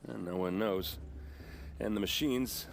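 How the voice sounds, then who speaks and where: In video game cutscene dialogue, an actor voices a friendly, chatty young warrior, a soldier in a king's vanguard who boasts about his tribe and his steel armor. His voice is lowish and creaky, and he speaks a little slowly. The game audio carries ambient noise.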